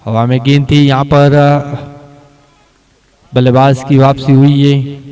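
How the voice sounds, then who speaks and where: A man giving excited live cricket commentary, stretching words out as the action builds. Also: medium pitch, slow pace, smooth.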